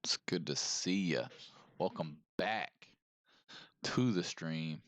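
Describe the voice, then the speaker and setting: A man's voice: low-pitched, slow pace, a bit bright, dry recording. A man in his thirties on a livestream, chatting casually with viewers in a rambling way and greeting them by name, heard through his streaming headset mic. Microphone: close streaming mic.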